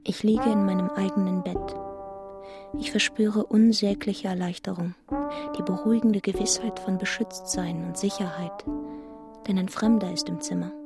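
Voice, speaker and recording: A woman's voice: mid-range voice, steady tone, normal speed, gravelly, loud music behind the voice, lightly acted. An actress narrating a literary audio drama as a grown woman reflectively recounting a grim orphan childhood. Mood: reflective, sombre.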